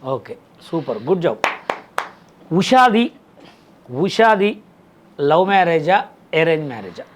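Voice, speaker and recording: A man hosting a casual interview, coaxing and directing his guest with brisk prompts. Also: on the high side, big pitch swings, background noise. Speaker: interviewer host.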